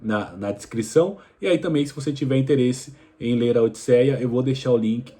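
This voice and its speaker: A man's voice: mid-range voice, fairly quick. A man hosting a history video, casually retelling an ancient story with loose, colloquial phrasing and frequent hesitations. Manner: relaxed retelling with frequent fillers and restarts; colloquial, addresses viewer directly. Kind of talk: casual educational explainer.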